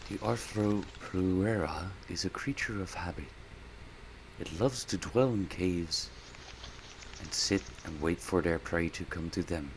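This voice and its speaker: A solemn nature-documentary narrator, as a gamer puts him on, with a low, grave voice and an unhurried, measured delivery. It is a mock wildlife-film voice used in game commentary. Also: male voice, a little hiss or hum, poor audio.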